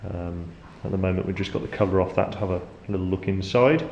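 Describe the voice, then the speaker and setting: A man's voice: low voice, fast talker, darkish tone, muffled recording. A man acting as tour guide, explaining machinery in an informal, unscripted way inside a ship's engine room. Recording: echoey metal room, background hum.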